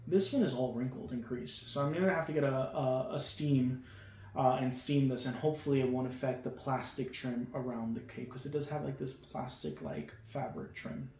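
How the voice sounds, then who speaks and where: This unboxing comes from a toy reviewer whose mid-range voice is darkish and moves at normal speed. He's casual and excited, fawning over every piece with lots of fillers, while the room sounds echoey with a slight hum.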